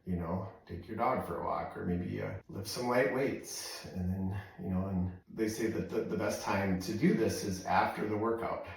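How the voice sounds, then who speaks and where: Sitting in a cold plunge tub of ice cold water on an outdoor deck, an American vlogger doing a cold plunge challenge chats in a halting, rambling way, constantly saying "you know." His voice is fairly low with vocal fry, and the recording is very echoey, with him far from the mic.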